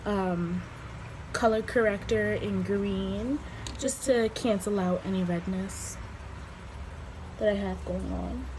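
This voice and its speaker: Female beauty vlogger, mid-pitched and unhurried, slightly hoarse, informal rambling tutorial delivery, clear background noise. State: slightly hoarse, recovering from lost voice. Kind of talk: casual makeup tutorial chat.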